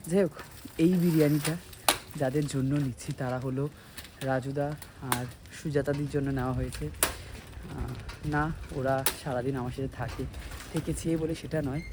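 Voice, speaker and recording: A man's voice: a little high, background noise. A man with a Kolkata Bengali accent, a vlogger and dance teacher, chatting casually in a rambling way and mixing in English phrases. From India. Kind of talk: casual vlog chat.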